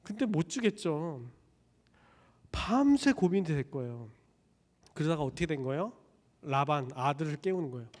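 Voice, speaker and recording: A man preaching a sermon as a pastor, telling the story with lively voices for each character. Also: fairly high pitch, normal speed, pauses often, long reverb tail. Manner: animated storytelling, acting out characters' lines. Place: church sanctuary.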